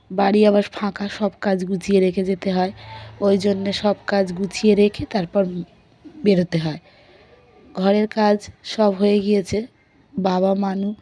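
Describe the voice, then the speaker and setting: Woman with a sore, gravelly throat. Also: mid-range voice, mellow. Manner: chatty, recounting chores and family talk. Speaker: vlogger. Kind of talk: casual daily vlog narration.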